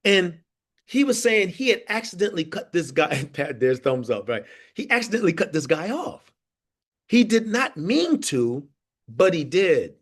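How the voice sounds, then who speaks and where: A man coaching a workforce training group over a video call. His pitch is lively and rises and falls a lot as he tells stories and asks the group questions. His voice sits a bit high for a man. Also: normal speed. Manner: animated storytelling with laughs and audience questions. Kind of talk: interactive online training talk.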